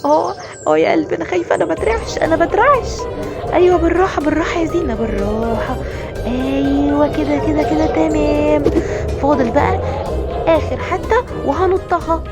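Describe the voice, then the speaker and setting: Give me a woman doing a nervous, caring Egyptian mother in a toy story, pitched high, over children's music. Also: moderate pace, close to an everyday voice. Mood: scared. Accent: Egyptian Arabic. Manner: animated, fretful storytelling with toy figures. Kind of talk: toy play-acting for kids.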